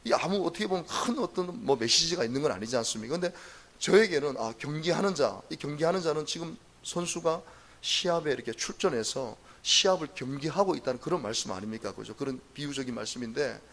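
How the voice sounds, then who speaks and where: A middle-aged man preaching at a dawn prayer service, telling his own story in an earnest, animated way with emphatic repeats. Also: fairly high pitch, fast. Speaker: pastor. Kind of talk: dawn prayer sermon testimony.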